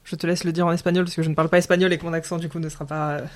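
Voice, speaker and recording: A woman hosting a casual podcast discussion, explaining details in a lively way. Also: lowish voice, racing.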